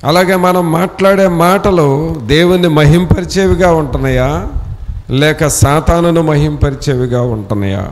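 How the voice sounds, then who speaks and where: A man's voice: a little high, measured pace, slight background noise. A man preaching a sermon who exhorts his listeners with repeated rhetorical questions and leads a scripture reading line by line. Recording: long reverb in a church hall.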